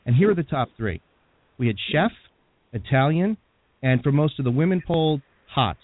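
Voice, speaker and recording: A man's voice: a little high, lively intonation, moderate pace, dry recording. A man with an American accent hosting a radio interview in a conversational style. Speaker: radio show host. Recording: phone-like band with clear background noise.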